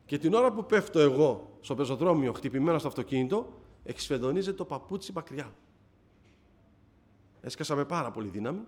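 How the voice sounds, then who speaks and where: A man giving a personal religious testimony to a congregation, telling it dramatically, rising loud then dropping to a hush. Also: on the high side. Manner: dramatic storytelling, swings between raised and hushed voice.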